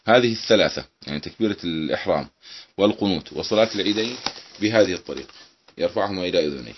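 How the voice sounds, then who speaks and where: Fast, low-voiced man teaching a class. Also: expressive, muffled recording, a little hiss or hum. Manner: reads text aloud then explains, checks with students. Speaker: Islamic jurisprudence teacher. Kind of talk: classroom lecture explaining a legal text.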